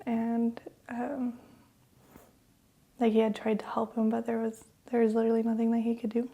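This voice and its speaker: A young woman co-hosting a podcast, telling a personal story haltingly with many fillers, sometimes dropping to a whisper. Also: a little high, completely flat delivery, creaky, mellow, dull audio. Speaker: podcast co-host.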